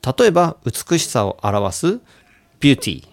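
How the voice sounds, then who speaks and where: A man hosting a radio English lesson who plays a friendly doctor giving out cures and explains pronunciation in a relaxed, joking way. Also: a little high, unhurried, gravelly. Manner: playful doctor role, casual asides. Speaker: radio show host and English coach.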